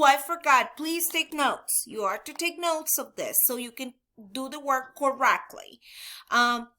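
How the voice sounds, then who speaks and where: A woman's voice: high-pitched, bright, forceful tone. A woman teaching a recorded grammar lesson, speaking patiently, repeating examples and thinking aloud as she writes them out. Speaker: Spanish teacher.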